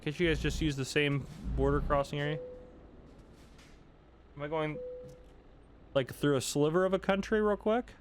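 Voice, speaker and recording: A young man giving casual, chatty commentary while he plays a driving game, thinking out loud and poking fun at himself. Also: fairly high pitch, fairly even intonation, moderate pace, pauses often, a little hiss or hum. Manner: chatty, self-deprecating, thinks aloud. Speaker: gaming channel host.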